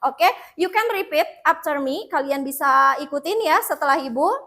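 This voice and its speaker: A woman teaching an English lesson in a classroom, mixing two languages and leading slow repeat-after-me drills. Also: high voice, bright, forceful tone.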